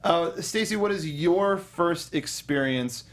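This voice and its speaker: A young man co-hosts a casual movie review podcast, talking enthusiastically and rambling, often restarting his sentences. His voice is a little high, and he takes his time speaking.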